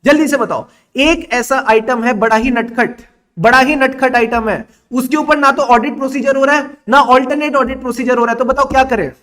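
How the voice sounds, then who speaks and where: High-voiced playful Indian male teacher. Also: moderate pace, sharp tone. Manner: playful, teasing, dramatizes concepts as characters. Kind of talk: exam revision lecture.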